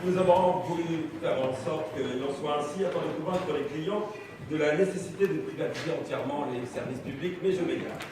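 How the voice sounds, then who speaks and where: A man's voice: on the high side, fairly quick, close to an everyday voice. A man playing a smug, pompous big-business boss who gives a mock-solemn, sneering speech in verse to a crowd in a large hall. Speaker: satirical performer. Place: large meeting hall with audience. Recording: echoey hall, far mic, noisy room.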